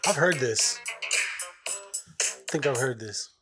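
A man's voice: medium pitch, animated, slow, loud music behind the voice. A man co-hosting a podcast, bantering in an easygoing way and swearing freely. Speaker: podcast co-host. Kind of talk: casual chat.

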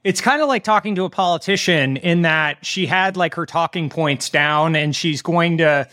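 A man hosting a casual podcast chat, his voice hoarse and worn out as if from yelling at a game, talking in a rambling, stop-start way. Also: on the high side, moderate pace. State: hoarse, worn-out voice after a weekend at a football game. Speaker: podcast host.

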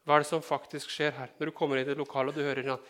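A man from Norway preaching a sermon in a fairly high voice. He talks to the congregation in a conversational way, asks them questions and slips in light joking asides. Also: level tone, a bit bright. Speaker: pastor.

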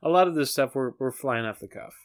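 A man's voice: mid-range voice, animated, quick pace. A man co-hosting a podcast in casual chat, earnest and keen to set the record straight. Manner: earnest, keen to correct himself. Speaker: podcast co-host.

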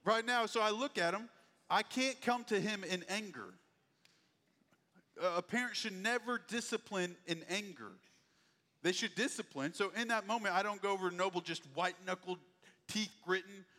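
Man, pastor, casual folksy sermon, slightly high voice, long hall echo. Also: normal speed, sharp tone. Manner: conversational, folksy asides.

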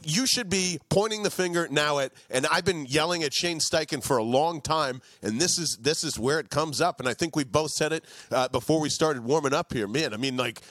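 A man's voice: fairly high pitch, a little fast, few pauses, fairly bright tone, dry recording. A man co-hosting a casual sports podcast, delivering emphatic, profane rants.

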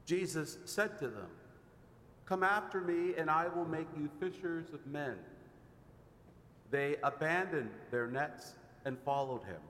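A man serving as deacon, reading the gospel aloud in a slow, measured proclamation, with a cathedral echo around his voice. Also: fairly bright tone. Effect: cathedral echo, long church reverb. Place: large church. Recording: echoey church hall with faint rumble.

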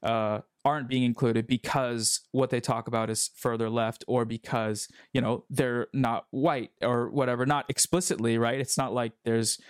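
A man's voice: mid-range voice, fairly even intonation, moderate pace, hardly any pauses, clean tone, no room sound. Male online commentator, casual and rambling, dry recording. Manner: rambling, many fillers and restarts. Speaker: YouTube commentator. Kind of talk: casual conversation.

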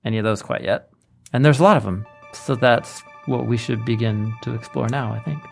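A man explaining as a teacher in a podcast discussion, deliberate and emphatic in his phrasing. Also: medium pitch, gravelly, over music. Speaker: podcast co-host and Bible teacher.

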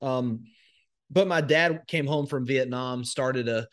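A man's voice: mid-range voice, slow pace. A man from Alabama with a Southern accent, a podcast guest telling his story in a folksy, rambling way with many fillers. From Northwest Alabama, US. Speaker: guest, crypto educator. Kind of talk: conversational interview.

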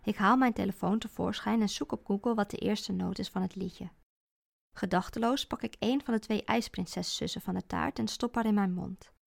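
A woman reading a first-person story aloud, expressive with a deadpan sense of humour. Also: medium pitch, normal speed, gravelly.

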